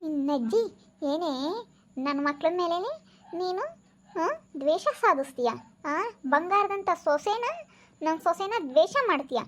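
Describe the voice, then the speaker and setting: A spiteful old ghost woman, put on by a woman creeps through this village comedy skit. She drawls in a low, slow voice with a rural central Karnataka accent. She gloats while she schemes. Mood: scheming. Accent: rural central Karnataka Kannada.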